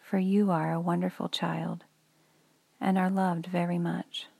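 A woman leads a children's meditation in a hushed, breathy near-whisper. Her voice is low, dark and gravelly, and she speaks in an even, unhurried way. The sound is dry and close, with no room echo. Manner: soft whispery delivery, slow and soothing. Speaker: meditation guide.

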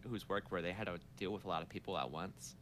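Bright-voiced man telling a story, laughing. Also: deep voice, fast, slight background noise. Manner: laughs often, acts out quotes with restarts. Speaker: parent recounting a story. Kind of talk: casual conversation.

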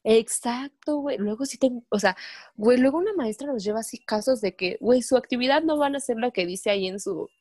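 A young woman with a Mexican Spanish accent, chatting casually with friends and telling stories in a slangy, animated way. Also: a little high, brisk, dry recording. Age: young adult. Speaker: student. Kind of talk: casual chat among friends.

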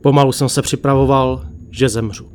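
A man reading a first-person horror story aloud, slow and hushed, with long dramatic pauses. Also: mid-range voice, steady tone. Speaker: narrator. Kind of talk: creepypasta narration. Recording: faint music bed.

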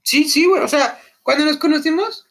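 Young man, Mexican accent, very high voice, fry, slangy casual talk. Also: moderate pace, a bit bright. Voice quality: unusually high voice. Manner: laid-back, slangy, laughs often. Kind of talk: casual chat.

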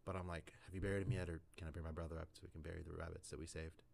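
A man with a very deep, low voice tells a rambling story over a podcast chat. He keeps circling back with fillers and "like" as he goes. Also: level tone, rapid-fire, gravelly, a little mellow. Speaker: podcast co-host.

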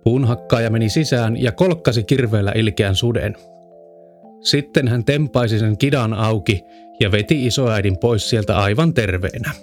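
A man reading a children's fairy tale aloud in a calm, measured storyteller's way. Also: fairly low pitch. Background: faint music.

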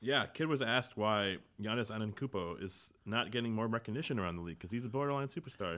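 Deep-voiced man reading sports quotes. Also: quick pace. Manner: relaxed, reads quotes aloud, chuckles. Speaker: podcast co-host. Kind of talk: casual sports chat.

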